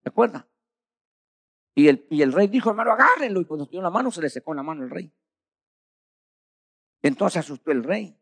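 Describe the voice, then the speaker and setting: A man preaching a sermon, retelling a story with frequent calls of "hermano" and sudden swings from loud bursts to quiet drops. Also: fairly high pitch, lively intonation, normal speed, vocal fry, long pauses, breathy edge, dry recording.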